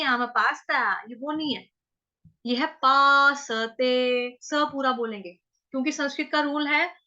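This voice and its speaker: A woman with a North Indian accent teaching Sanskrit verse recitation, drilling each syllable slowly and repeating it several times. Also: high-pitched, sharp tone, muffled recording. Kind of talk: chanting lesson, syllable by syllable.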